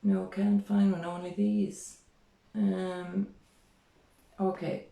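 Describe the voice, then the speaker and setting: Host, middle-aged woman, unhurried chatty delivery, filler-heavy, roomy webcam sound. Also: medium pitch, flat delivery, vocal fry, mellow. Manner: chatty, many fillers and restarts. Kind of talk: casual live-stream interview. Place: small room indoors.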